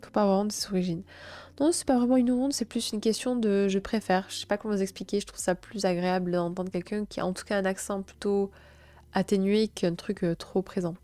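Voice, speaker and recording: A woman from the South of France with a southern French accent, streaming live. She reads passages aloud and chats softly with viewers, with hesitant fillers in her asides. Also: mid-range voice, steady tone, fairly quick. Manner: soft, hesitant asides with frequent fillers between read passages. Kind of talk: reading astrology text aloud and chatting with viewers.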